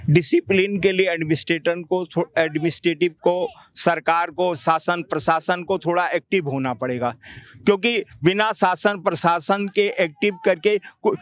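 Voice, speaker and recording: A man being interviewed outdoors by a river, speaking earnestly and pointing things out, often restarting his sentences. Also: sits high.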